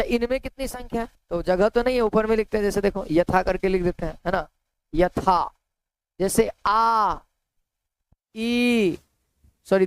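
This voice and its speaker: A male teacher leads an online grammar lesson, slowly dictating notes and repeating each phrase as he writes. His voice is smooth and resonant. The recording is close and dry, with no room sound. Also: sits high, no echo, rough recording. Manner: repeats phrases slowly while writing, asks tag questions.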